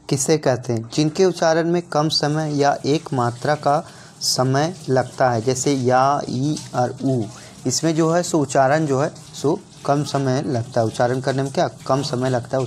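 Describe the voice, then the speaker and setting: A man's voice: medium pitch, a little mellow, slight background noise. A man with a Jharkhand Hindi accent teaching an exam-prep grammar lesson, repeating points and asking and answering his own questions.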